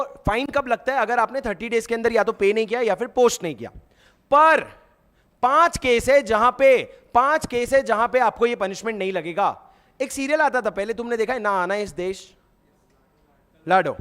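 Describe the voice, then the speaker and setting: A man's voice: extremely high pitch, fairly bright tone. A man teaching an exam revision lecture, asking questions and answering them himself, with Indian-accented English mixed in. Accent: Indian English mixed into Hindi. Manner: rhetorical questions answered himself, mnemonic drilling.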